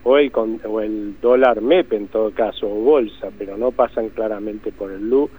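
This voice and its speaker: This Argentine economist guest speaks in a fairly low, husky voice at normal speed. Heard through a tinny phone line, he gives interview answers emphatically, frequently restating his points.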